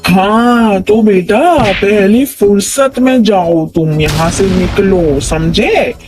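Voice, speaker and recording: A man's voice: high voice, slow, noisy background. A man voicing a quarrelsome cartoon man who scolds and taunts a coworker, keeps asking if he understood. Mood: scolding. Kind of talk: animated comedy dialogue. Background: background music.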